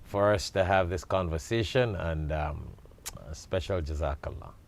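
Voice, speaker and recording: A very deep-voiced man hosts a studio interview show. He gives formal, effusive introductions to his guest and then asks about his background. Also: moderate pace, creaky. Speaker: talk show host.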